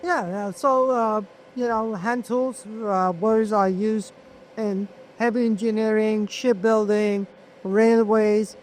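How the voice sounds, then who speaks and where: Male company representative in an interview, high voice, hesitant product explanations, recorded on location with audible noise. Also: fairly even intonation, slow pace, poor audio. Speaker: manufacturer representative being interviewed. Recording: clear ambient noise on location.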